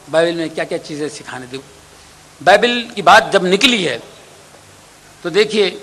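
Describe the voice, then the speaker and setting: A man's voice: a little high, a bit bright, slight background noise, rough recording. A man preaching a sermon in a conversational, humorous storytelling manner.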